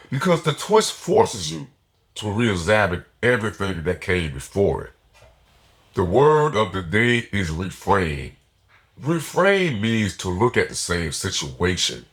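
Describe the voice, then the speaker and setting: A man with a deep, slightly bright voice hosts a motivational podcast. A cold makes him sound nasal and foggy, but he speaks with earnest emphasis.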